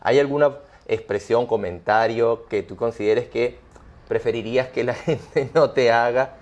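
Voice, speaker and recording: A man hosting a conversational interview, measured and encouraging as he asks his questions. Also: medium pitch, a little mellow. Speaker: interview host.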